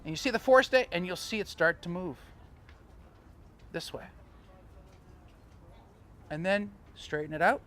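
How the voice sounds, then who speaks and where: A man coaching sailors on sail trim, talking in an animated, storytelling way with chuckling asides. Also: sits high, fast talker, few pauses, a little hiss or hum. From Canada. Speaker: sailing coach. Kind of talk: outdoor teaching talk.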